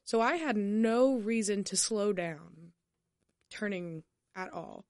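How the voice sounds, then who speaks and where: A woman with a hoarse voice, co-hosting a podcast in casual chat and making wry, teasing asides. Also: medium pitch, animated, takes it slowly, a little mellow, dry recording, clean studio sound. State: hoarse, lost voice. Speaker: podcast co-host.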